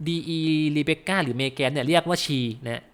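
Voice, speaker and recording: A man's voice: a little high, unhurried, a bit bright. Chatty Thai man hosting a game stream. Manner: chatty, self-correcting, laughs at himself. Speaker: gaming channel host. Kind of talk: casual live commentary on game concept art.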